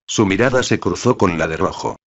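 A man narrates an audiobook with steady, even storytelling. His voice sits very low, and the recording sounds dull and lo-fi. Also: a little fast. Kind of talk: scripted narration.

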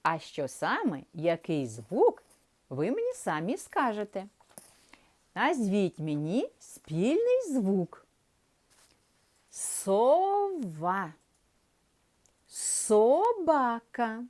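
A woman teaching young children to read, speaking slowly and drawing out each sound in a sing-song way. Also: mid-range voice, huge pitch swings, a little mellow. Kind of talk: primary school literacy lesson.

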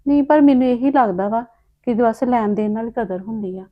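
A woman's voice: a little high, normal speed, dull audio. A woman playing an older sister who feels neglected, sulky and aggrieved. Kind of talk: village drama acting.

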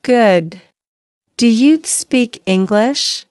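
Slow, careful woman reading lesson lines. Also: fairly high pitch, animated, a little mellow, dry recording, clean studio sound. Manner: slow, carefully enunciated phrases. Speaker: dialogue speaker in language lesson. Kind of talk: scripted lesson dialogue.

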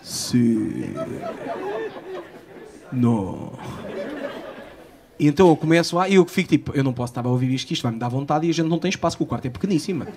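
On a small outdoor stage at night, a thirtysomething stand-up with a European Portuguese accent delivers animated stories into a handheld mic, voicing the characters he quotes. His mid-range voice moves a little fast with frequent pauses, and a crowd can be heard behind him.

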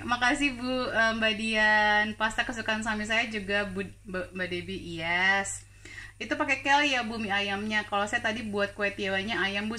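An Indonesian woman with a sharp-toned, mid-range voice hosts a live cooking stream from her home kitchen. Chatty and quick to laugh, she answers viewer questions and slips English words into her speech.

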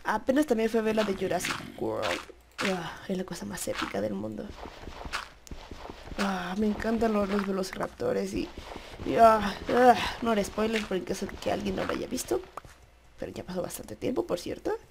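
Woman gamer, chatty and playful, gravelly edge to the voice. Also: medium pitch, sing-song, moderate pace. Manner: chatty, coaxes animals playfully. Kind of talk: casual gameplay commentary. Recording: noisy home recording.

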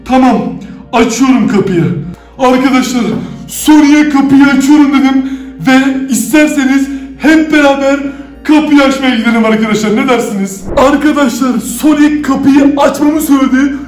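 A male YouTuber at home, chatting excitedly to viewers, loudly claiming to be scared and swearing now and then. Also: extremely high pitch, moderate pace. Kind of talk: staged scary chat to viewers. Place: indoors at home. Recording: roomy echo with faint music.

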